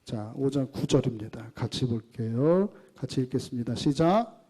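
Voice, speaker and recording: A male pastor preaching a sermon, asking the congregation questions and leading them through scripture readings, moving between raised and quiet phrases. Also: medium pitch, lively intonation, normal speed, breathy edge.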